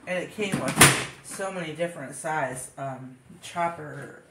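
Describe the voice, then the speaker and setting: A home cook vlogger with a deep, congested voice from a stuffed-up nose walks through chopping and bagging food in her kitchen. She's chatty and thinks out loud, filling gaps with easygoing ums. Her kitchen is echoey, with steady background noise beneath her voice.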